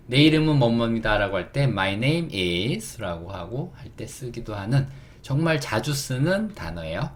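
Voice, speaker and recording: Slow, lively Korean man teaching English. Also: fairly low pitch. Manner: patient, asks questions and answers them himself; spells words slowly letter by letter. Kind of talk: beginner English lesson.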